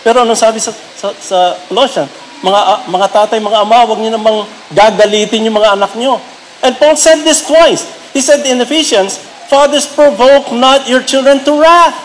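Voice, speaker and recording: A middle-aged Filipino pastor preaching a sermon, mixing Tagalog and English and rising to emphatic peaks. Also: male voice, extremely high pitch, normal speed, fairly bright tone, a little hiss or hum, rough recording. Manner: switches between Tagalog and English, builds to raised emphatic peaks.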